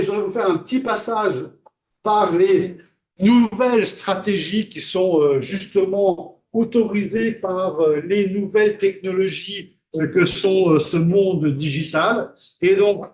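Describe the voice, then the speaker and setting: A man giving a classroom lecture, talking conversationally, asking the class questions and pausing on fillers. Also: high voice, darkish tone.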